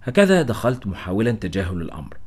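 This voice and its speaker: A man's voice: fairly low pitch, very animated, fast talker, darkish tone, husky. A man narrating a first-person adventure story as an audiobook. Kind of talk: scripted narration.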